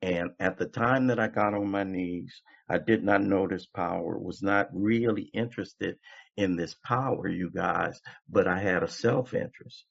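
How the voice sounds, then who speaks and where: A man in his seventies, speaking as a guest at a recovery meeting, gives a passionate testimony in the style of a preacher, repeating phrases for emphasis. His voice is low and slightly slow, with vocal fry. The lo-fi recording sounds dull.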